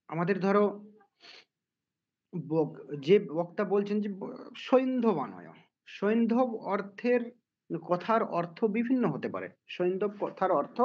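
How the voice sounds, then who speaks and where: A man's voice: high voice, breathy edge, highs cut off. A man teaching philosophy in a conversational lecture, checking in with "right?" and acting out small everyday scenes. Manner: conversational, asks "right?" often, acts out little quoted scenes. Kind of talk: explanatory lecture with everyday examples.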